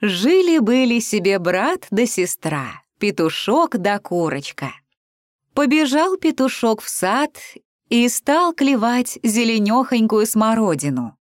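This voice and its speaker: A woman reading a children's fairy tale aloud in an expressive, sing-song way. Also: fairly high pitch, slow pace, no echo, studio quality. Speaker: storyteller.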